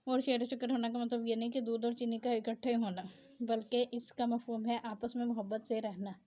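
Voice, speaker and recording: A woman's voice: on the high side, little pitch movement, brisk, dark tone. A woman teacher reads out a grammar lesson and explains it in plain asides. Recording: dull lo-fi sound.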